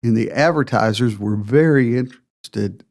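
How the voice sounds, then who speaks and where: A man's voice: medium pitch, moderate pace, gravelly, a little mellow. A man hosting a retirement planning podcast, explaining figures step by step with emphasis.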